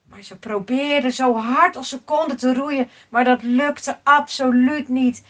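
A woman telling a children's Bible story in an expressive, dramatic way, moving between hushed and loud. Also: sits high, measured pace.

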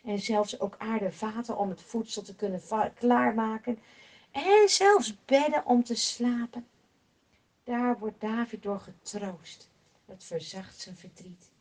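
Woman Bible storyteller, breathy, unhurried, expressive with hushed drops. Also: a little high.

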